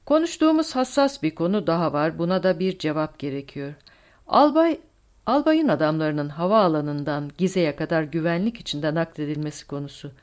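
A woman's voice: low-pitched, animated, normal speed, darkish tone. A woman voicing a wary, skeptical male agent who questions the plan. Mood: doubtful. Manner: doubtful, questioning.

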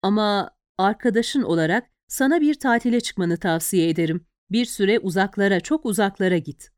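A woman's voice: medium pitch, normal speed, a little mellow, no room sound, clean studio sound, lightly acted. A woman reading an audiobook, voicing a shrewd female reporter who speaks earnestly and persuasively to a friend.

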